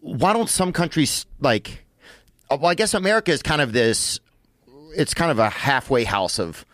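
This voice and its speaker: A man's voice: mid-range voice, expressive, moderate pace, fairly bright tone, no room sound. A man in casual podcast chat, loose and playful, rambling through his thoughts.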